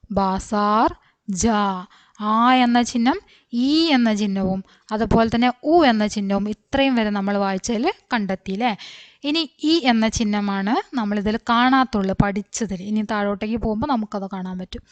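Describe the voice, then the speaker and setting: A woman teaching Hindi reading, sounding out each syllable slowly and then blending it into the whole word, often checking whether her listeners understand. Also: mid-range voice, dry recording. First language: Malayalam. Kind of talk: slow spelling-out lesson.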